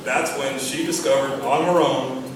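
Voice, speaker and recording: A middle-aged American man from Texas gives a father of the bride speech at a wedding, sentimental and gently humorous in a measured delivery. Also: mid-range voice, steady tone, recorded from a distance. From Texas, United States. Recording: echoey room from afar, noisy.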